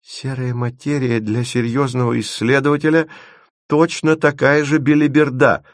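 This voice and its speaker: A man's voice: mid-range voice, animated, normal speed, no room sound, clean studio sound, pitched above the performer's own voice, lightly acted. A man reading an audiobook, voicing a theatrical know-it-all male colleague who lectures emphatically. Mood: lecturing.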